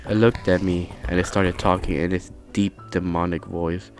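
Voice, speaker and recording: A man narrating a scary story in a calm, measured storytelling manner. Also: deep voice, soft background music. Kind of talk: scripted horror narration.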